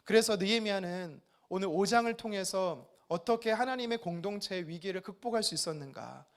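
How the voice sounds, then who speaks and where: Animated man preaching a sermon. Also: sits high, fairly quick. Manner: emphatic, asks the congregation rhetorical questions. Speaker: pastor. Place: church service.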